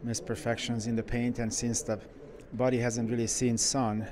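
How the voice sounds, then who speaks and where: A man who runs a car shop, walking through a car museum and giving casual, enthusiastic commentary with frequent pauses. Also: medium pitch, level tone, a little mellow. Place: indoor car museum halls.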